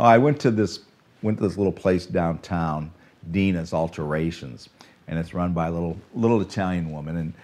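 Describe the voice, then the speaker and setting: An older man preaching a sermon, earnest and warm in content, swinging between emphatic lines and soft, drawn-out phrases. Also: low voice. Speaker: pastor.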